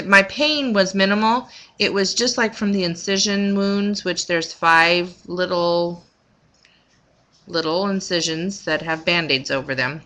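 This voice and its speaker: Bright, forceful woman, lowish voice, halting vlogger. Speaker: vlogger recounting her recovery from surgery. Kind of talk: casual personal vlog monologue.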